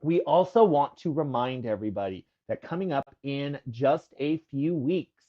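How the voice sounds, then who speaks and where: A man's voice: mid-range voice, lively intonation, normal speed. Upbeat chatty man on a livestream. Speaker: livestream co-host. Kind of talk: casual livestream announcements. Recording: dull lo-fi livestream audio.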